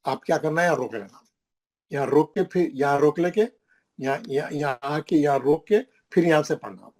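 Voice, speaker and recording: A man's voice: fairly high pitch, moderate pace, a little mellow. A man teaching a recitation class, explaining rules with emphatic repetition and pointing things out on the page.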